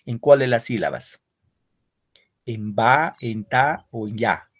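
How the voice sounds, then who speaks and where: A man's voice: mid-range voice, lively intonation, slow, breathy edge. A man teaching a secondary school literature class over a video call. He explains step by step, quizzes his students and tags his sentences with "no?". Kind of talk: online class lecture.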